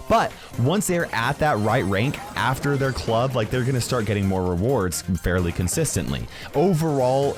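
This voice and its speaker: A man hosting a casual gaming news video, emphatic and conversational, often checking in with tag questions. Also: on the low side.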